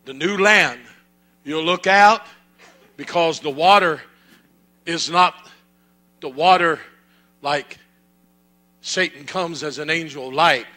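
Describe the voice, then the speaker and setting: A man's voice: fairly high pitch, slow pace, long pauses, pushed and bright. A male pastor preaching a sermon with a repetitive, building cadence.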